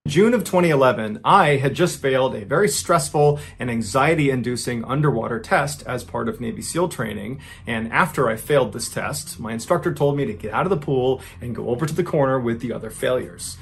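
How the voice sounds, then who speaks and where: A man's voice: medium pitch, animated, a little fast, gravelly, hardly any pauses, a little hiss or hum. A man in his thirties, an American podcast host, narrating a true story in a conversational, scripted first-person style. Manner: conversational, chains sentences with "and so".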